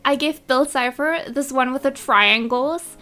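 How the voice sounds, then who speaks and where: Young woman gaming vlogger, high voice, giggly and excitable, casual commentary. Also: measured pace. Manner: bubbly and excitable, giggles often. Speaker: gaming YouTuber.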